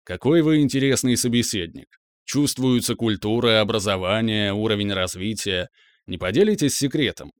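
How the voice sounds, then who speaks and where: A man's voice: fairly low pitch, animated, normal speed, smooth, no room sound, clean studio sound, close to an everyday voice. A man voicing a mocking, cheerful young male demon in an audiobook, sarcastic and easy. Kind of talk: audiobook character voice.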